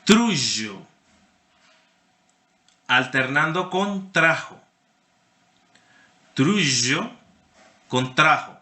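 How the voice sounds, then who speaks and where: A university lecturer teaches a class online, his voice a little high, pushed and bright in an echoey room. He explains things step by step, calls on students by name, and keeps checking they follow with a frequent "¿sí?".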